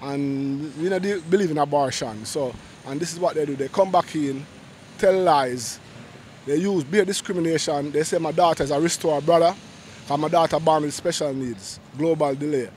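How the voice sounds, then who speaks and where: Speaking at normal speed in a slightly mellow, higher-than-average voice, this middle-aged man is being interviewed on a busy city street. His testimony is emotional and personal, delivered urgently with frequent restarts, captured on a close handheld mic over faint traffic and street sounds.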